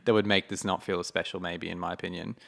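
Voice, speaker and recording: A man's voice: low-pitched, flat delivery, quick pace, gravelly. A man co-hosting a film podcast, thinking aloud in a rambling, casual way with many fillers. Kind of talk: casual chat.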